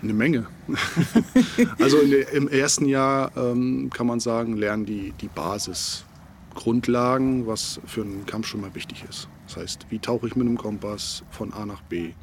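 A man speaking as a military instructor in a casual podcast interview, with halting, thoughtful phrasing. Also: mid-range voice, fairly even intonation, slight background noise.

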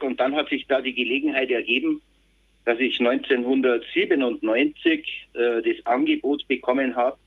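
A man in his fifties speaking haltingly as an army reservist recounting in an interview. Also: mid-range voice. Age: 50s. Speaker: army reservist sergeant, podcast guest. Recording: husky-sounding tinny phone-like line.

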